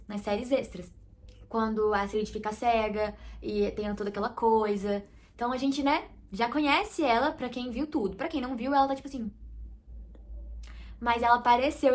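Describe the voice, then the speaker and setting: A woman with a Brazilian Portuguese accent chatting casually and expressively as she reviews a film for her viewers. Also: on the high side.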